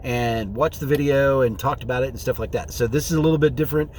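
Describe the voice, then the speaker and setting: A man's voice: medium pitch, fast, darkish tone, a little hiss or hum. A man chatting casually and rambling through a vlog, recorded on a phone from inside a car. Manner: rambling, informal. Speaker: vlogger. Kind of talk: casual vlog chat, thinking aloud. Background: faint vehicle ambience.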